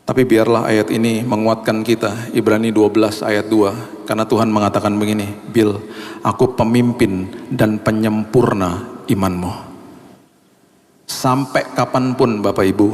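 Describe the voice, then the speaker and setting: A man preaching a sermon as pastor, telling personal stories with emotion, his voice climbing high when he stresses a point. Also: little pitch movement, fairly quick. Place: large church hall. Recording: long reverb of a church hall.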